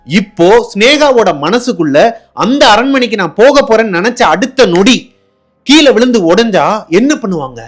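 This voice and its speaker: A man from narrating a horror story, acting out the characters' lines and dropping low and quiet for suspense. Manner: acts out dialogue, drops low and quiet for suspense. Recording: faint background music.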